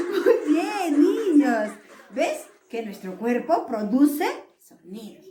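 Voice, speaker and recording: A woman teaching young children in a lively, playful way, acting out sneezes and yawns, with a Peruvian Spanish accent. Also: fairly high pitch, slow, roomy sound. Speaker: preschool teacher.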